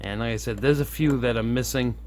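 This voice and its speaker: In a brisk, mid-range voice, a man casually demonstrates his radio modification at an indoor workbench, thinking out loud in a relaxed, hands-on way. A camera on a nearby tripod records him amid room ambience and constant background noise.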